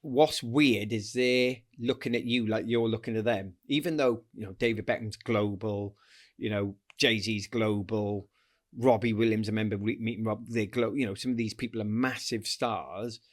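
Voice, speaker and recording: A man from the UK, a former athlete, telling lively anecdotes in a casual interview, acting out the voices and laughing often. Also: lowish voice, normal speed. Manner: animated storyteller, acts out voices, laughs often. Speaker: guest athlete.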